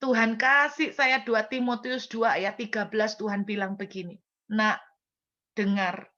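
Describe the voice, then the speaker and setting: A woman's voice: a little high, steady tone, normal speed, bright, forceful tone. A woman pastor with a Javanese-inflected Indonesian accent, preaching an earnest testimony sermon and speaking straight to the congregation, rising to emotional intensity. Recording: dull lo-fi sermon audio.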